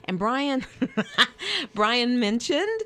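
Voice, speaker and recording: A woman's voice: a little high, sing-song, drawn-out words, a bit bright. Chatty woman co-hosting morning radio. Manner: chatty, laughs often, storytelling. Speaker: radio morning show co-host. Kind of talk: casual radio chat.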